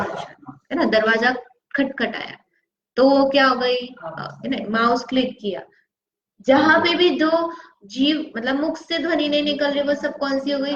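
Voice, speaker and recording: A woman with a fairly high voice teaches a scripture lesson. She keeps putting questions to her listeners and then answers them herself. The sound is roomy and dull, like an old lo-fi recording. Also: a bit bright. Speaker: religious teacher. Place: studio.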